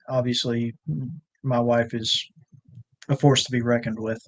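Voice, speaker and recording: A man with a drawl spins a long, meandering story about his land. He talks in a loose, folksy way, full of "you know" and "uh", at an ordinary, middle pitch. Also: flat delivery, slow pace. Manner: rambling, folksy storytelling with fillers. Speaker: ranch owner and guest. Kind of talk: casual storytelling chat.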